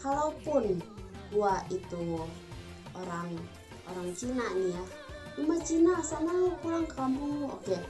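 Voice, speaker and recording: This 21-year-old vlogger from Bandung talks to her viewers on camera with a Sundanese Indonesian accent, casual, emphatic and slangy. Her high voice is animated but a little slow, with long pauses, and music plays behind her.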